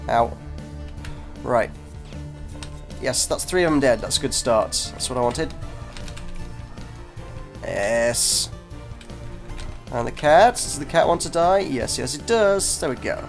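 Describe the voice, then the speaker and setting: Gravelly and congested from a cold, a man hosts a gaming video at a slow, expressive medium pitch, pausing often over music. His casual, self-deprecating commentary breaks off mid-sentence, recorded on a desk mic.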